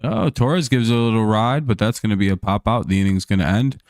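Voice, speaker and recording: Calling baseball plays on his live stream, this man keeps things relaxed and jokey, bantering with viewers between plays. His voice is lowish, brisk and darkish, slightly tired after talking all day, captured at studio quality without echo.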